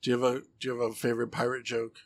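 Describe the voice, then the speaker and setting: A man's voice: mid-range voice, monotone, racing, dry recording. A man, a comedian and podcast co-host, chatting casually and telling jokes in a rambling way, full of fillers and restarts.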